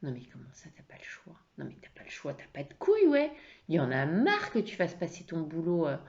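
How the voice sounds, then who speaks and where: A woman acts out a wife at the end of her patience who bursts out loudly and indignantly. Her voice has a gravelly grain, and the recording is a bit muffled and lo-fi. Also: on the low side, animated, fast. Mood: accusing. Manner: loud, heated, indignant outbursts. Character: furious wife whose evening plans fell through.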